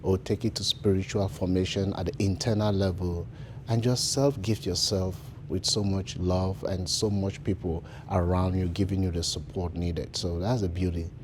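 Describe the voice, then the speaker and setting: A man from Cameroon, a seminarian, telling his vocation story in an earnest, reflective way with frequent pauses and fillers. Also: sits low, darkish tone, slight background noise. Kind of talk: personal vocation testimony.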